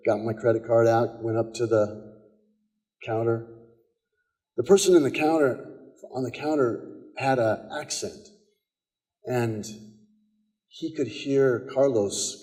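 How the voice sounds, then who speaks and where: Pastor preaching a sermon in a reverberant church. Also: male voice, medium pitch, dark tone. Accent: American. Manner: storytelling, conversational with quoted dialogue and repetitions. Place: church sanctuary. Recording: long church hall reverb.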